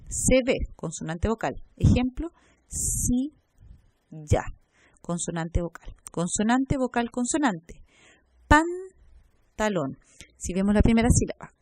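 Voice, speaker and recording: A woman giving a recorded lecture, explaining step by step, sounding out example words slowly and checking with short tag questions. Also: fairly high pitch, mellow, dry recording. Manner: spells out syllables slowly. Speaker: teacher.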